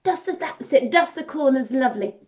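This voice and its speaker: Her voice sits high and moves a little fast as she, in the role of a princess entertainer, spins an interactive tale for young children. She talks straight to them in an animated, encouraging way.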